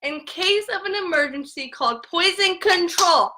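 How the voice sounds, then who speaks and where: Young woman, high bright voice; filler-heavy, emotional phone live rant. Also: moderate pace, rough recording. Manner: filler-heavy, repeats "like" constantly. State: tearful at times. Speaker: essential oils seller.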